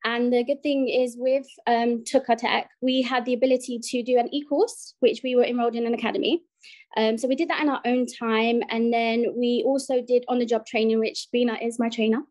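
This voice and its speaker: A woman from the UK talks casually as an interview guest on a video call. She is chatty and says um often, and her voice sits fairly high. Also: level tone, fairly quick, darkish tone. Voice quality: chatty, filler-heavy. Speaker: guest pattern maker.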